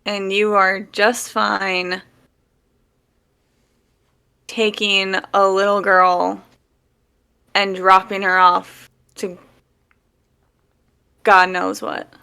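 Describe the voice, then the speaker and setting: A woman player in a tabletop game who speaks very slowly in a bright, smooth, clear voice. She talks in a halting way and often restarts her sentences. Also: medium pitch, little pitch movement. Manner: halting, self-correcting. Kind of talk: casual tabletop play.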